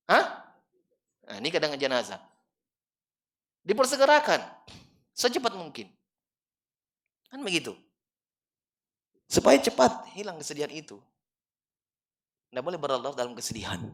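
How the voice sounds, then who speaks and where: A man giving an Islamic study lecture in a prayer room. He drops to low asides, then bursts into loud, emphatic lines, and often checks whether his listeners follow. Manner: checks with listeners by asking "clear?". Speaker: religious teacher. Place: prayer room in an office building.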